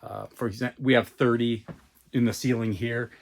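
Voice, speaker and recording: A man's voice: mid-range voice, normal speed, creaky, slight background noise. A man casually talking to the camera as he explains his own off-grid cabin build. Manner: relaxed, chatty, explaining as he goes. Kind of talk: casual vlog talk to camera.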